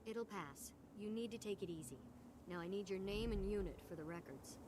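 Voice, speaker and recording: A woman's voice: medium pitch, fairly quick, lightly acted. A woman acts a weary game medic. The voice is mid-range and practical, with a matter-of-fact delivery over noticeable background noise. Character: pragmatic, weary field hospital medic, brisk. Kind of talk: scripted game acting.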